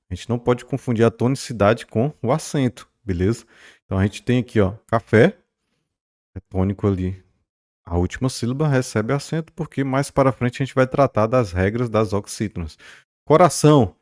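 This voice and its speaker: This recorded grammar lesson features a man with a medium-pitched, darkish voice. His explanations are punctuated by frequent "beleza?" and "né?" check-ins with students, and he elongates stressed syllables to model words.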